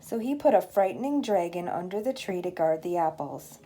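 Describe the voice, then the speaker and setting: A grandmother with a fairly low-pitched voice reads a children's storybook aloud. Her storytelling is expressive and measured.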